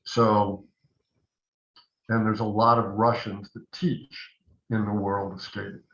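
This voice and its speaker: A man's voice: on the low side, flat delivery, takes it slowly, a bit bright. An older man, an actor and acting coach, telling rambling anecdotes in a casual interview over the phone. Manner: rambling, anecdotal, many asides. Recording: echoey dull phone line.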